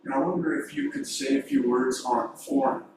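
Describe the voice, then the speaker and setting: A man's voice: mid-range voice, very animated, normal speed. A man in the audience at a retreat, asking a question hesitantly and thoughtfully, with many fillers. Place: meditation hall, far from the mic. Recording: distant, echoey hall with clear hiss.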